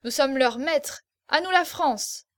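A woman's voice: sits high, slow, no echo. A woman voicing a sneering young Prussian officer. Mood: boastful. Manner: loud, sneering, laughing. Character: arrogant young male Prussian officer, mocking.

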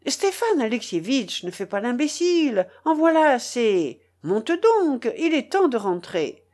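A woman's voice: on the high side, very animated, unhurried, a little mellow, pitched above the performer's own voice. A woman reading aloud and voicing a kindly, flustered middle-aged uncle who pleads and calls out in exasperation. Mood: exasperated pleading. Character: kindly flustered older uncle, anxious peacemaker.

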